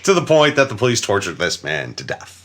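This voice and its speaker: A man narrates a crime case in casual podcast chat. His pitch swings widely as he tells it, and he swears freely and breaks into dark laughter. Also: wildly swooping pitch, brisk. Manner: swears freely, laughs, mock-voices the killer.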